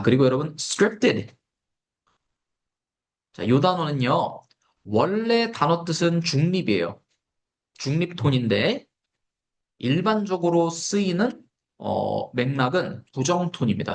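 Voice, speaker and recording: A teacher giving an exam-prep English writing lesson in Korean, explaining vocabulary step by step. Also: female voice, low-pitched.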